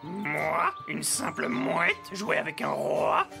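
A man's voice: a little high, expressive, slow, vocal fry, heavily acted. A man voicing a polite male seagull shocked by the king's invitation. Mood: scandalized. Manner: polite and scandalized. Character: Mousse, a proper male seagull. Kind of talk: French cartoon voice acting. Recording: music behind.

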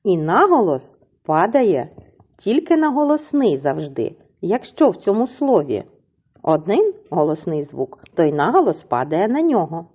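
A woman teacher giving a recorded video lesson to young pupils, speaking slowly and deliberately and drawing out example words syllable by syllable. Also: lowish voice, sing-song, breathy edge, dull audio. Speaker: primary school teacher.

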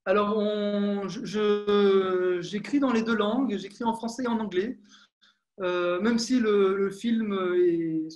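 Talking about his films over a video call, a young French director uses an earphone mic in a small home room and often fills and restarts his sentences. He speaks slowly in a high, steady, slightly mellow voice.

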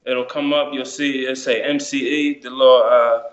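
Talking in a flat, mid-range voice at a moderate pace, this amateur musician from New Jersey tells stories as a guest in a casual chat, using informal slang to explain things. He's on a video call with the phone held close, and the sound is dull and lo-fi.

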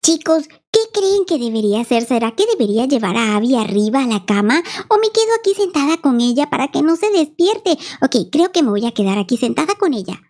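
A young woman narrating a mobile game playfully, talking in animated sing-song to babies. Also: sits high, brisk, hardly any pauses. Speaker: game video creator. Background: faint children's music.

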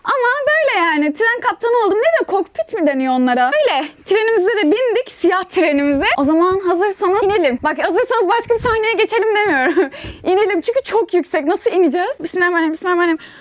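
A young woman vlogging outdoors at an abandoned site, excitable, jokey and easily scared. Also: very high-pitched, fast talker, dry recording. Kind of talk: casual vlog chat.

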